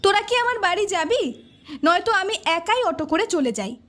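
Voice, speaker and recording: A woman's voice: high-pitched, expressive, unhurried. An actress playing an uneasy young woman who has seen something strange, in an audio horror story. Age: young adult.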